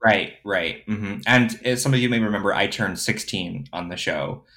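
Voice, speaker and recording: A man with a lowish voice co-hosts a casual chat show. His speech is slightly thick-tongued, as if his tongue is swollen, and he talks in an informal, bantering way. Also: normal speed, bright, forceful tone. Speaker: podcast co-host.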